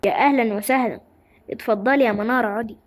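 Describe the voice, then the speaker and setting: A young woman with an Egyptian accent voicing a gentle, earnest teenage boy in love, in a lowered voice for a doll-game drama. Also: racing, natural voice. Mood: tender. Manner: soft-spoken, lowered voice.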